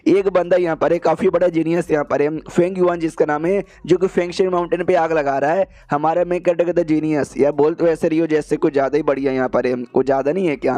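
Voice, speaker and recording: Fast-talking casual male story narrator. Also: a little high, mellow, no room sound. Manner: chatty, slangy, quotes characters in passing. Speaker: recap narrator.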